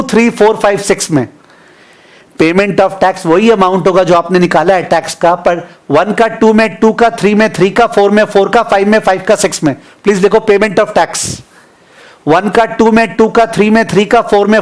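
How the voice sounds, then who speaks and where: A male finance teacher running a live online class, slowly repeating figures for dictation and teasing students by name, with an Indian English accent. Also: sits high.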